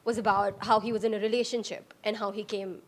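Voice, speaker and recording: A woman's voice: mid-range voice, flat delivery, quick pace. A female student hesitantly reporting on her classroom interview, with many fillers.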